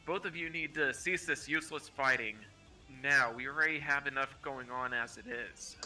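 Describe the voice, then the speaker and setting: A man's voice: mid-range voice, normal speed, pushed and bright, soft background music. A man playing a stern peacemaker hero who pleads with friends in a tabletop game. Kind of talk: tabletop role-play.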